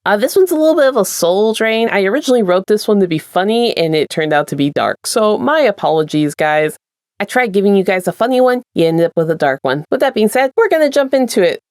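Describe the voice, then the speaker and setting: A woman narrates podfic, introducing and then reading her own fan fiction in an informal storytelling style, moving from a casual intro to scripted narration. Her medium-pitched voice is expressive, quick and a little mellow, recorded in studio quality with no room sound.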